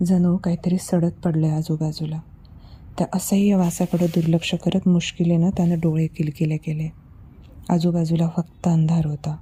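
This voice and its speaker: A woman storyteller reading a horror story in a slow, hushed, suspenseful way. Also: fairly low pitch, flat delivery, breathy edge. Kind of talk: scripted horror narration.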